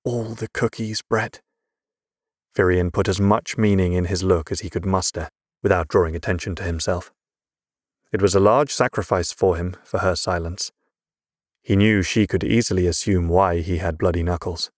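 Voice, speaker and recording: A man reading a fantasy audiobook in a measured, even storytelling voice. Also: low-pitched, no echo, studio quality. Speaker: audiobook narrator. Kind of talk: scripted narration.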